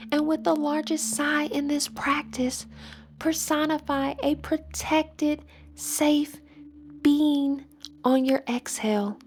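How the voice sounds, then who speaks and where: Guiding listeners through a scripted meditation, this instructor's voice sits high yet has a darkish tone, with a little hiss or hum in the recording. She stays soothing and measured, letting phrases fade into breath.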